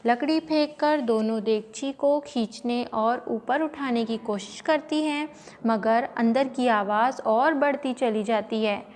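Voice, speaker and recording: Woman teacher, reading a play lesson aloud, slow, careful, fairly high voice. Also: a little mellow, big-room sound.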